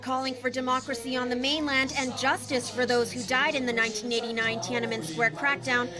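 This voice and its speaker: A woman reporter delivers a scripted, on-the-scene news report outdoors at a protest on a busy street, with clear street noise behind her and loud music over it. Her voice is high with little pitch movement, and she speaks briskly.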